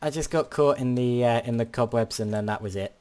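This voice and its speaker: Low-voiced woman gaming. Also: brisk, warm tone. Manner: chatty, stammering restarts, dry jokes. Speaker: channel host playing a minecraft minigame. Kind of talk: casual gaming commentary.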